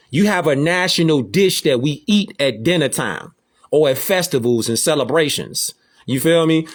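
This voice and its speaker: A man giving preachy commentary in casual slang, emphatic and repetitive. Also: on the high side.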